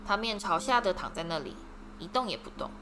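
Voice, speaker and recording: Female audiobook reader, steady dramatic delivery, mid pitch, music bed. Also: fairly quick. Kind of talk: storybook narration. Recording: background music.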